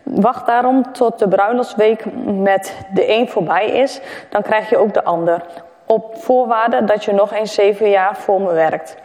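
A woman's voice: medium pitch, unhurried, darkish tone, natural voice. A woman reading the lines of a shrewd scheming father, barely acted. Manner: plainly read, barely acted. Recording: long echoing reverb of a hall.

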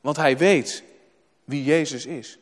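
A man's voice: fairly high pitch, slow. A man preaching a sermon in a church, emphatic and repeating words for weight. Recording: long hall reverb.

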